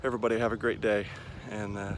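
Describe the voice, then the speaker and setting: Here a fortysomething vlogger wanders a park beside a lake, chatting loosely to the camera and making self-deprecating asides. He speaks quickly in a lowish, flat voice, with clear outdoor sound around him.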